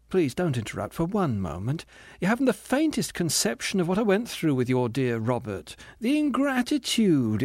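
A man's voice: high-pitched, darkish tone, dry recording, clean studio sound, full character voice. A man reading the part of a self-righteous female ghost who complains domineeringly and primly about her late husband. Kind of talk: audiobook character reading.

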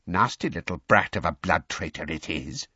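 A man voicing a hunched, spiteful old male house elf who mutters hoarsely under his breath. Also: low-pitched, animated, normal speed, pushed and bright, no echo, dull audio, full character voice. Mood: spiteful muttering.

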